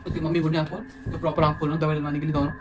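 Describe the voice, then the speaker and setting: A young man casually telling a personal story as a vlogger, animated and acting out what others said. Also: a little high, racing, very noisy. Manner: animated, quotes others in acted asides. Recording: music playing underneath.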